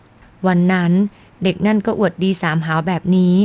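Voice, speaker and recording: A woman's voice: fairly low pitch, fairly even intonation, normal speed, darkish tone, lightly acted. A woman reading the part of a scornful male court physician in an audiobook. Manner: scornful, suspicious.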